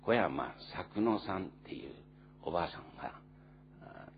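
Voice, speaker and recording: A man preaching a sermon in an earnest, storytelling manner, with many pauses and fillers. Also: low-pitched, animated, highs cut off, slight background noise. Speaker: pastor.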